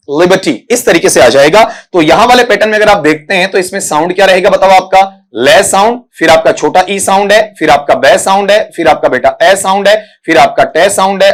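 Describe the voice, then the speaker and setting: A man with a fairly high voice teaching English phonetics in an exam-prep lesson. He answers student questions and addresses them as beta. He repeats each word slowly to show how it should sound. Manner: repeats words slowly to model pronunciation, calls students beta.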